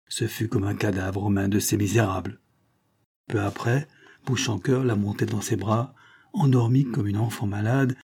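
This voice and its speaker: A man reading a novel aloud in a measured, dramatic storytelling manner. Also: lowish voice, mellow, breathy edge. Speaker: audiobook reader. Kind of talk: audiobook narration.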